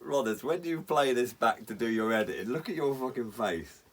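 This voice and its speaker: A man's voice: medium pitch, expressive, normal speed. A man in casual banter with a teasing, sweary way of talking. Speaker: podcast co-host.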